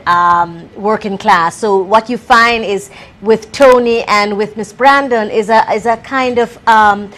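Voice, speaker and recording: Woman theatre director on a talk show, articulate, mid-pitched, explanatory. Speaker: play director.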